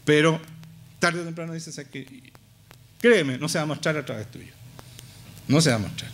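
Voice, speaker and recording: Impassioned Chilean pastor preaching. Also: male voice, animated, normal speed, a bit bright. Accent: Chilean Spanish. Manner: impassioned, swings from low to high, emphatic repetitions. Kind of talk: sermon. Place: church.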